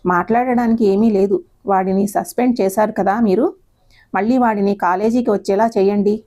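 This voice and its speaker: A woman voicing a proud, domineering middle-aged mother in an audio story, with a warm tone. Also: mid-range voice, steady tone, normal speed, close to an everyday voice. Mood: haughty. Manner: commanding, domineering.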